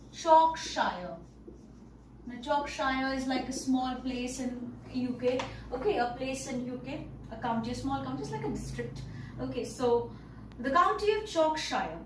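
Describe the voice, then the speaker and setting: High-voiced woman teaching from afar. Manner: repeats and explains words, many "okay" and "all right" checks. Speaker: English teacher. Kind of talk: classroom lesson explaining a story. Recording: roomy, distant mic, faint noise.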